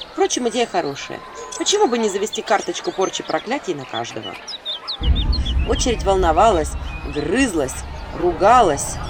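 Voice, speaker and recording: A woman narrating a story aloud in a lively, expressive way, acting out the quotes. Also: fairly low pitch, noisy background. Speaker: audiobook narrator.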